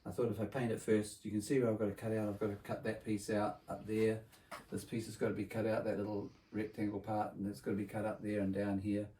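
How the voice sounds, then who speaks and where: A man with a lowish, level voice speaks fast as a builder in a children's workshop vlog, sounding like an upbeat party host. He explains things simply and checks in with tag questions, over slight background noise in a low-quality recording.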